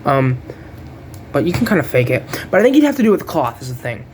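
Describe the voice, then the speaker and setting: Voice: mid-range voice, sing-song, fast talker, a little mellow, slight background noise. Rambling casual action figure reviewer. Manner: rambling, loses track of names, casual swearing.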